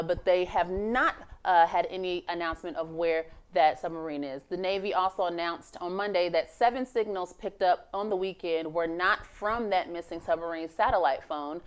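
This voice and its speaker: A woman's voice: lowish voice, clear, resonant tone. A woman hosting an online news show, reading the headlines in a casual, unpolished way with frequent "uh" fillers. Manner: reads with many "uh" fillers, laughs easily.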